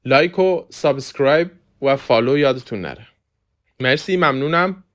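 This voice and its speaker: A man teaching a beginner French lesson, spelling out example sentences slowly and with care. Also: medium pitch, animated, a bit bright. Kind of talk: language lesson.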